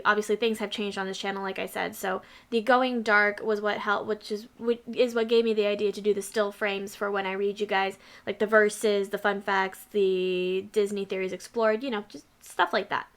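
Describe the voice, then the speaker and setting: This channel host talks at a normal speed in a medium-pitched, slightly bright voice with fairly even intonation. She casually rambles through her past videos, adding asides as she goes.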